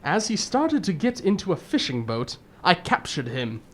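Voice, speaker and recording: A woman playing a loyal, modest gentleman doctor, earnest and measured in telling things, in an old-time radio drama. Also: lowish voice, very animated.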